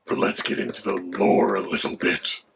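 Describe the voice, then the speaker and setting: A haughty, hungry male dragon, voiced by a man, speaking low in a rough, creaky, breathy rasp. He delivers facts in a lofty, deadpan way. The recording carries a steady hiss of background noise. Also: moderate pace, full character voice. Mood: lecturing. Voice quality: gravelly, creaky, partly whispered. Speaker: co-host.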